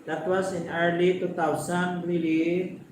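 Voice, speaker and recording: A Filipino man in his forties with a Filipino accent, hosting a casual chat and telling his own story in an unhurried, reflective way. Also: sits high, little pitch movement. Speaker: host. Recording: very echoey room with faint background noise.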